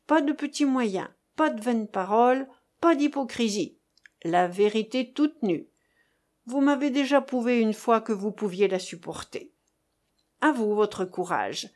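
A woman voicing a gruff, brutal male bandit who gives grand, emotional speeches in an audiobook. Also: fairly high pitch, a little mellow. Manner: grand ranting speeches, slang-laden outburst.

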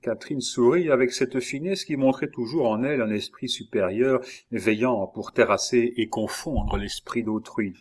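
A man narrating a literary audiobook in a measured, deliberate reading. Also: mid-range voice.

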